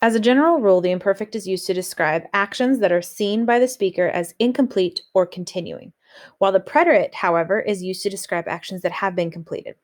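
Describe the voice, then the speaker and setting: A woman's voice: medium pitch, brisk. A woman teaching a recorded lesson on Spanish grammar, explaining rules steadily and reading example sentences aloud.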